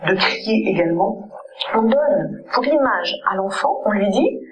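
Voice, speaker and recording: A woman's voice: medium pitch, lively intonation, unhurried, dull audio, a crowd in the background. A woman child psychologist giving an earnest conference lecture and often checking in with her audience.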